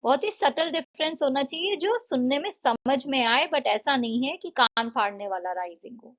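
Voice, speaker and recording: A woman's voice: high-pitched, expressive, moderate pace, fairly bright tone. A woman teacher explaining exam answers step by step, patient, mixing Hindi and English. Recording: dull lo-fi audio.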